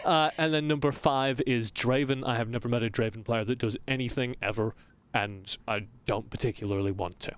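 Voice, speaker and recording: A man's voice: medium pitch, steady tone, a little fast, clear, resonant tone. A man co-hosting a gaming podcast, chatting casually with wry, dry humor. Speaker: podcast co-host, AD carry player.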